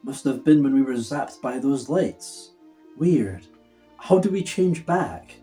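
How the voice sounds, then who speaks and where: A man's voice: mid-range voice, expressive, takes it slowly, dark tone, faint music behind. A man voicing a flustered young penguin trapped in a fuzzy pet's body, in a hammy, theatrical, pleading manner. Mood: dramatic disbelief.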